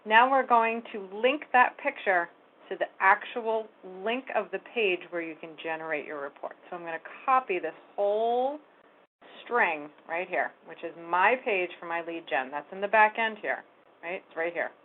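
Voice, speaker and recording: A woman's voice: medium pitch, expressive, moderate pace. Lady doing a screen-share tutorial, chatty click-by-click explaining, thin phone-like sound. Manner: casual step-by-step explaining, talks while clicking. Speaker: real estate tech trainer. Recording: phone-like narrow band audio.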